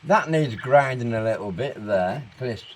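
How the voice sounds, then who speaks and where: In an informal hands-on workshop, a man demonstrates car restoration, explaining each step and thinking aloud as he works. His medium-pitched voice has lively intonation at a normal speed.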